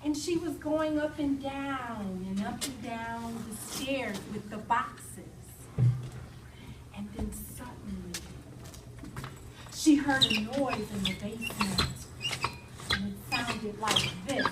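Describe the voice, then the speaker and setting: A woman storyteller performing a scary tale for an audience, slow and dramatic, coaxing listeners to join in, in an echoey room recorded from a distance. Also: fairly high pitch. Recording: echoey room from far off, loud background noise.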